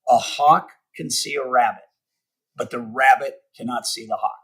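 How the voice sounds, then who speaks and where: A middle-aged man teaching sales on a podcast in an emphatic, coaching manner. His voice is bright and forceful with a husky edge, and he slows right down to drive each point home. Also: medium pitch, poor audio. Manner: emphatic, spells out acronyms slowly, acts out sample calls. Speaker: sales trainer and guest. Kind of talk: podcast interview, motivational teaching.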